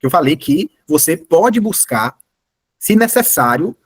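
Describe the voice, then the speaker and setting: A man's voice: on the high side, big pitch swings, measured pace, breathy edge, no room sound. A man giving a live online class, explaining step by step and often correcting himself mid-sentence. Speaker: course instructor.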